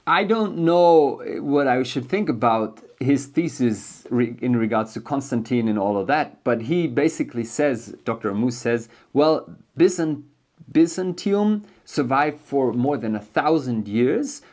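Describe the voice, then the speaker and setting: A German-accented man talks through economic history in a relaxed, unscripted explainer. His speech is full of ums and self-corrections as he works out each thought. His voice sits at an ordinary middle pitch for a man. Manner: thinking aloud, many ums and restarts. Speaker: educational video host. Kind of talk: casual spoken book explainer.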